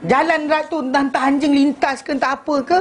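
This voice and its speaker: Fast-talking religious teacher. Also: male voice, very high-pitched, a crowd in the background. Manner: animated storytelling, acting out dialogue, many restarts; mixes in English phrases. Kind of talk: informal religious class with anecdotes.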